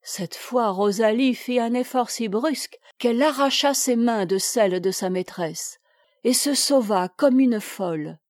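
Woman narrator, literary audiobook, measured and even, fairly high voice, dry close sound. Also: no echo.

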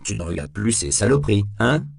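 A man's voice: fairly low pitch, sing-song, a little fast, vocal fry, no echo, studio quality, pitched above the performer's own voice, heavily acted. A man voicing a sardonic, hard-nosed police detective interrogating a suspect in a cool, needling tone in an audiobook. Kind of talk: audiobook character voice.

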